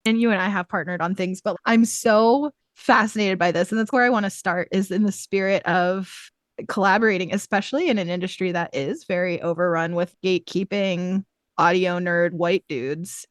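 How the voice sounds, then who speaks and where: A woman's voice: on the low side, normal speed, no echo, clean studio sound. A woman hosting a podcast, chatting in a casual interview with frequent laughs. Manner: animated, laughing often. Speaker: podcast host.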